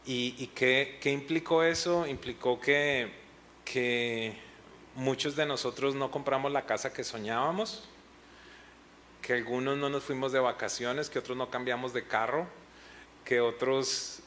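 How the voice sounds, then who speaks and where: A middle-aged pastor gives a testimony on a pastors' panel, telling a personal story with feeling and sometimes retelling moments when he was in tears. His medium-pitched, fairly bright voice moves a little slowly with fairly even intonation, over slight background noise.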